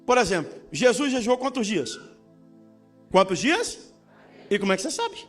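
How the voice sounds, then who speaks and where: Brief: male pastor, high-pitched, humorous sermon delivery with call-and-response, faint music underneath. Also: big pitch swings, moderate pace. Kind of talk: preaching a sermon.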